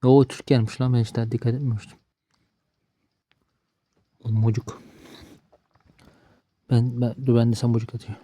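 A man's voice: mid-range voice, level tone, moderate pace, pauses often, warm tone. A man giving casual gameplay commentary, frustrated and talking to himself, cursing the game. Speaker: gaming streamer.

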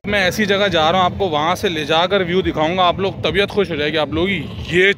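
Excited man vlogging a busy expo. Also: sits high, a little fast, a crowd in the background, background noise. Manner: excited, exclamatory, chatty. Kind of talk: walking tour vlog. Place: busy livestock expo hall. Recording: music playing loudly behind.

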